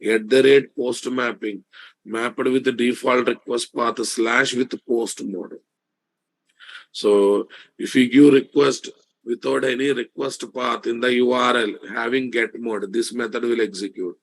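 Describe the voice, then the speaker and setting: A male programming instructor speaks with a Telugu Indian accent at a slow, deliberate pace. His pitch sits in an average range for a man. He delivers a live online lecture, restating points with emphasis and often asking listeners to confirm. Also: fairly even intonation, slight background noise, rough recording. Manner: repetitive, emphatic, with rhetorical check-in questions.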